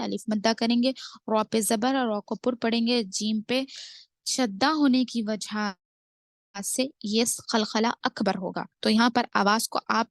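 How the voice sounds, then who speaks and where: A woman with an Indian Urdu accent teaches Quran recitation in a close, dry recording. Her voice sits a little high, and she moves between brisk, methodical explanation and slow, stretched-out recitation of each verse. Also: no room sound. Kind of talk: tajweed lesson, explaining then reciting slowly.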